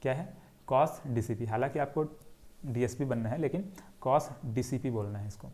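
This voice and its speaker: A man's voice: mid-range voice, moderate pace, darkish tone. A young man teaching geography in a classroom-style lecture, who asks questions and answers them himself while drawing on a board. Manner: repetitive question-and-answer drilling.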